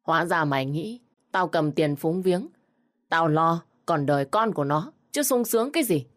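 Harsh, berating old mother-in-law in a storybook, read by a woman with a low voice. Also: expressive, moderate pace. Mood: scolding. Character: shrill scolding elderly mother-in-law.

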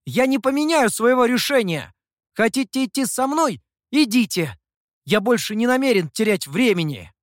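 A reader voicing a desperate, angry young man who shouts in defiance in an audiobook. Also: medium pitch, a little slow, hardly any pauses, dry recording, clean studio sound, pitched above the performer's own voice, natural voice. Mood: defiant.

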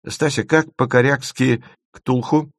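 Man doing an excitable joking boy. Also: mid-range voice, a little slow, no echo, clean studio sound, voice pushed up, natural voice. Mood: excited. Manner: exclamatory, enthusiastic. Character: excitable boy, enthusiastic joker.

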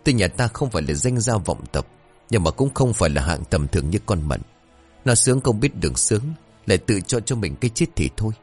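A man's voice: fairly low pitch, big pitch swings, a little fast, a little mellow, husky, soft background music. A man voicing a proud, harsh middle-aged mother who scolds in an exasperated way in a told ghost story. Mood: scolding.

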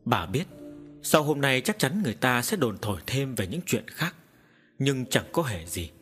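A man narrating an audiobook story in an expressive, animated way. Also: mid-range voice, normal speed, breathy edge, faint music behind.

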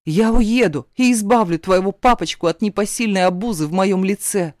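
A woman's voice: medium pitch, moderate pace, darkish tone, no echo, clean studio sound, lightly acted. A woman as a defiant young heroine. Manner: snapping, demanding, voice trembling.

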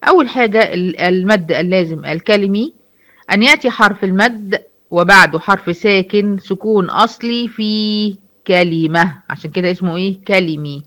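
A woman with an Egyptian accent gives a brisk online lesson, moving quickly through her points. Her voice sits in a middle range. She keeps asking the class questions and answering them herself. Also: mid-range voice, fairly bright tone. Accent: Egyptian Arabic. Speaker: Quran recitation teacher. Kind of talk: online lecture.

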